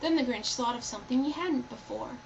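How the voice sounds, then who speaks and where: A woman reading a rhyming storybook aloud with expressive narration. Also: on the high side, fairly quick, creaky. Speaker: storybook reader. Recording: dull, lo-fi, loud background noise.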